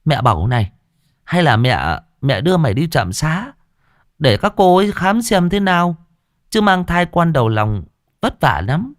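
A man's voice: a little high, big pitch swings, normal speed, no echo, studio quality, voice pushed up. A man voicing a fussing, concerned middle-aged mother-in-law in a ghost story. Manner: fussing, scolding.

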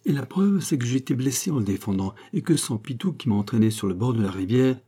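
A man's voice: mid-range voice, lively intonation, quick pace, dark tone, husky. A man voicing a blunt older male farmer in an audiobook, speaking in an emphatic, protesting way.

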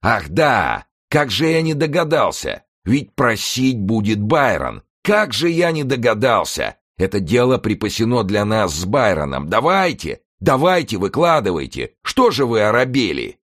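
A bitter old preacher with a piercing, impatient voice climbs into shrieks, as a deep-voiced man puts him on. The voice still carries a gravelly edge underneath. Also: expressive, moderate pace, full character voice. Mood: mocking, shrieking. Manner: shrill, impatient, rising to screams. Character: frail older male ex-preacher, bitter and shrill.

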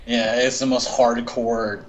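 Male co-host, mid-pitched voice, dry joking banter, casual. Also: flat delivery, slow, slight background noise. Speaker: podcast co-host. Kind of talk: casual gaming podcast chat.

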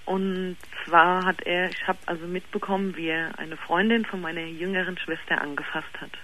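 A woman in her twenties calling into a radio talk show by telephone, telling her story haltingly with many fillers and restarts. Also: fairly low pitch, fairly even intonation, fairly bright tone, low-quality recording. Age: 20s. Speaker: caller. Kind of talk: radio call-in conversation.

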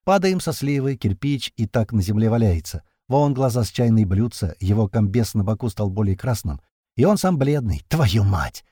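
A man's voice: lowish voice, animated, warm tone, no echo, studio quality. Slangy male narrator reading combat action. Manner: slangy, swearing, fast-moving action telling. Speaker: audiobook narrator. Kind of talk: first-person action narration.

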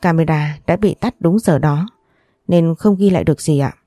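A woman's voice: deep voice, moderate pace, dark tone, dry recording, studio quality. A woman reading the part of a young grandson who speaks in a resigned, helpless way, in an audiobook.

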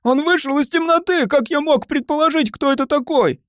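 A man doing a shrill, panicky neighbor. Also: a little fast, no echo, studio quality. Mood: panicked. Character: shrill frightened male neighbor.

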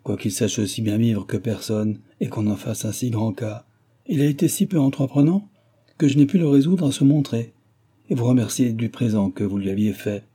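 A man's voice: mid-range voice, moderate pace, mellow, slightly rough, lightly acted. A man voicing a chattering, pushy middle-aged mother in an audiobook, talking in a gushing, overfamiliar, insistent way.

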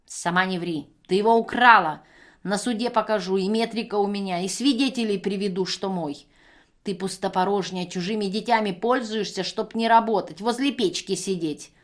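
A woman reader voicing a brazen drunk vagrant woman who shouts shrilly and wails. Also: mid-range voice, moderate pace, hardly any pauses, natural voice. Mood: shrill demanding.

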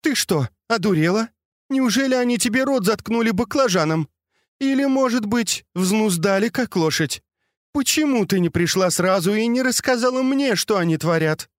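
A haughty, sharp-tongued noble lady lashes out with mocking questions, as a male audiobook reader puts her on. The voice sits high and tight, recorded dry and close. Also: sing-song, moderate pace, dry recording. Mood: furious scolding. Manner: scolding, biting, mocking questions. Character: proud, sharp-tongued noblewoman of a grand household. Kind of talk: audiobook reading.

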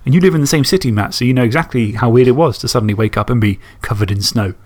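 Guy co-hosting a podcast, rambly, jokey about himself, pretty average pitch. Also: rapid-fire, a little mellow. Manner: rambling, self-mocking, laughs often. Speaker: podcast co-host. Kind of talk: casual chat.

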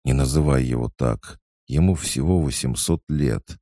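A man's voice: a bass voice, a little slow, mellow, no echo, clean studio sound, voice pushed up. A man voicing a weary, frightened young empress who speaks in tense, clipped lines.

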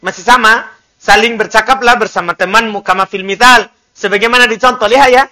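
Bright-voiced teacher drilling students. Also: male voice, extremely high pitch. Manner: drills students with repeated prompts, teasing. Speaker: Arabic teacher. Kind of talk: classroom Arabic lesson.

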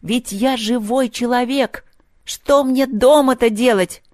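Grumbling storybook granny, slow and shrill, always aggrieved; a woman reader puts her on. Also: vocal fry, a little mellow, no room sound, clean studio sound. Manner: slow, whining complaint. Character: fussy old grandmother, grumbling and indignant.

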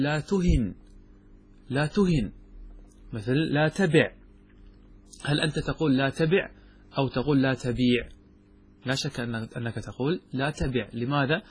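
A man's voice: on the high side, breathy edge. A man teaching a classroom grammar lesson, explaining step by step and asking his students questions that he then answers himself.

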